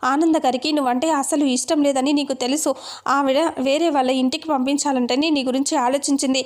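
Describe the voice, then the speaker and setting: A woman's voice: high voice, fairly even intonation, a little fast, darkish tone, natural voice. A woman reading the lines of a middle-aged mother who scolds harshly. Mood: scolding angry.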